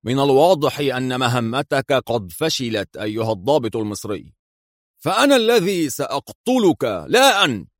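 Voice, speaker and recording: A man voicing a furious, shouting European villain in an audiobook reading, high-strung and yelling. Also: big pitch swings, moderate pace, no room sound, clean studio sound, natural voice. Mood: threatening.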